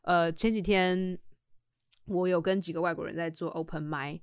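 Lively laughing woman in casual podcast chat. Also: fairly low pitch, normal speed, clean tone, dry recording, studio quality. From United States. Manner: lively storyteller who keeps laughing and acting out the people she quotes. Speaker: podcast co-host.

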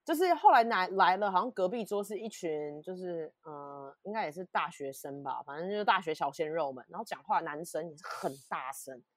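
A woman co-hosting a casual podcast chat, telling stories with animated, emphatic repetition. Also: fairly low pitch, a little fast, hardly any pauses, no room sound, clean studio sound. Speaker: podcast co-host.

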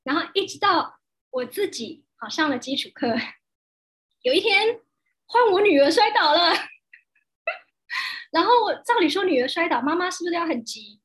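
High-voiced Taiwanese woman telling stories. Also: normal speed, pauses often. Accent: Taiwanese Mandarin. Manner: animated, laughs often, acts out quotes. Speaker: course instructor. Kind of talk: casual teaching talk with storytelling.

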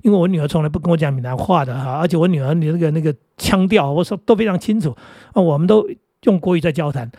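Husky Taiwanese man telling stories. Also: a little high, fast talker, warm tone, no room sound, studio quality. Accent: Taiwanese Mandarin. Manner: rambling anecdotal storytelling with many fillers. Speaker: podcast host. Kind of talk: casual chat.

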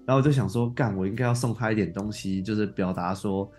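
Man, casual podcast storytelling, lively, very fast, faint music. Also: lowish voice. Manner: lively, mimics his younger self. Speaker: podcast co-host.

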